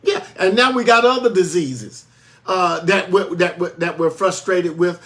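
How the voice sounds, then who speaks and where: Higher-voiced man, pastor co-host. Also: unhurried, fairly bright tone. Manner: repeats phrases for emphasis. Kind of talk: informal reflective talk.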